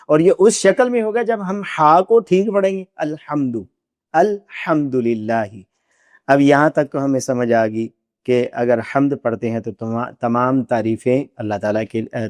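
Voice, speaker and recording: A man who teaches Quran recitation walks through pronunciation patiently, sounding out each letter slowly and deliberately. His voice is a plain middle-pitched male voice. It is recorded close and dry. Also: darkish tone, dry recording. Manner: patient, demonstrates sounds by repeating them slowly. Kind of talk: teaching pronunciation in a podcast interview. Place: podcast studio.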